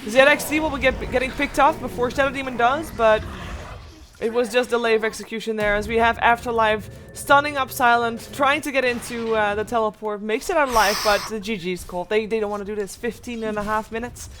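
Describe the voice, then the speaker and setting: A woman co-casting an esports match, relaxed and a little hesitant, with casual fillers. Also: a little high, fairly quick, noisy background. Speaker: esports commentator.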